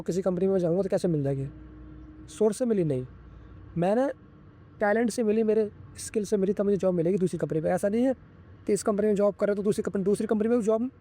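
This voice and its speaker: A young man in a casual vlog, talking fast and bluntly with a high, mellow voice. He is slangy and preachy as he gives career advice straight to the viewer. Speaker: vlogger.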